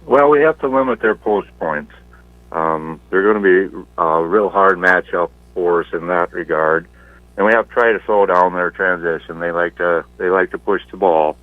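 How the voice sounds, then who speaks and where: A man, a high school basketball coach, talking in a halting, plain-spoken way during a phone interview. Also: no room sound. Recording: tinny dry phone line.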